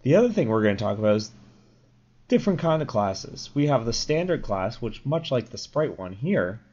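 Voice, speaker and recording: In a very animated, medium-pitched voice with a darkish tone, a young programming tutorial host explains code at normal speed. A sore throat makes him slightly crackly, and he rambles with fillers and self-corrections in a screen recording made on a dull lo-fi mic.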